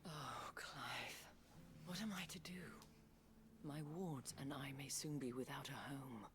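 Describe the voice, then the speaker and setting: A woman voicing a worried, formal guardian in video game drama, hushed and breathy. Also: extremely low pitch, measured pace, noisy background. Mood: worried, grave. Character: worried, well-mannered woman guardian of wards.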